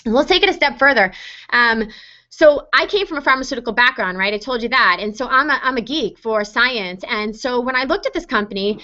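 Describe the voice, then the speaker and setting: A woman's voice: fairly high pitch, a little fast, pushed and bright. A woman giving a chatty, upbeat online sales presentation, with frequent fillers. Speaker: webinar presenter. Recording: dull lo-fi webinar audio.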